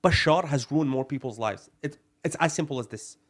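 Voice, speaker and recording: A man's voice: a little high, a little fast. A young man from Palestine, a podcast co-host, arguing bluntly and emphatically in a heated discussion, peppering his talk with "bro" and Arabic phrases.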